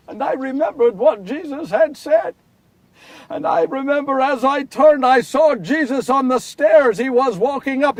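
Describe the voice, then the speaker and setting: Man as remorseful apostle Peter, earnest stage monologue, very high husky voice, mic far off. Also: no room sound, exaggerated voice. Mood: anguished. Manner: earnest storyteller, swings from hushed confession to loud anguish. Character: Simon Peter, remorseful grown fisherman apostle. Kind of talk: first-person dramatic monologue.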